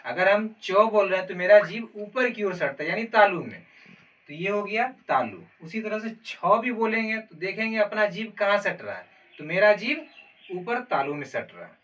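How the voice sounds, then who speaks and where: A man's voice: high voice, very animated, moderate pace, fairly bright tone. A man teaching a grammar lesson, explaining step by step and calling out letters one at a time. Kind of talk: classroom-style Hindi grammar lesson. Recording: distant mic with faint noise.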